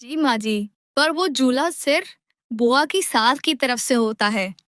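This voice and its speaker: A woman's voice: high voice, a little slow, a bit bright, no echo, clean studio sound. A woman voicing a clever young daughter-in-law in a cartoon, pleading at times and sly at others. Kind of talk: cartoon voice acting.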